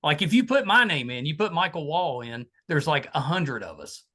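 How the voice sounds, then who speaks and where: A man's voice: a little high, sing-song, moderate pace, pushed and bright. A man with an Appalachian West Virginia accent, hosting a podcast in a casual, folksy, conversational way. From West Virginia, USA. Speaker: podcast host.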